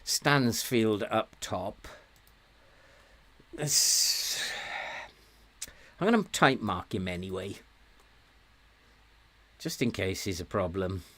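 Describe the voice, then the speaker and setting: A man's voice: lowish voice, animated, fairly bright tone. A man in his sixties, chatting and chuckling at himself while commenting on a game he plays. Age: 60s. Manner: chuckling, self-mocking, slow and chatty. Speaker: let's play host.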